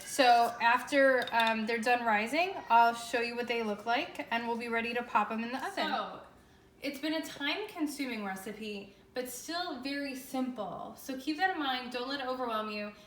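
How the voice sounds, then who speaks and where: Talking the viewer through every step, a woman hosts a relaxed home baking tutorial in a chatty style. Her voice is a little high with a fairly bright tone, at a moderate pace. The room is an indoor home kitchen with echo and faint background noise.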